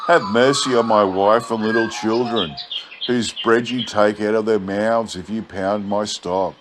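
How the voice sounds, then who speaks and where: A man's voice: fairly low pitch, fairly even intonation, measured pace, lightly acted. A man voicing a crafty cattle drover from a storybook yarn, with an outback drawl. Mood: pleading. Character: crafty male cattle drover feigning humble sincerity. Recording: clear background noise.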